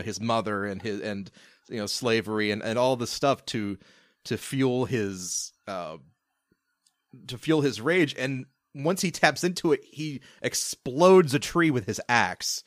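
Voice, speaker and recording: Man, mid-pitched, rambling storyteller full of restarts, dry recording. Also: a little slow, no echo. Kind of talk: casual film discussion.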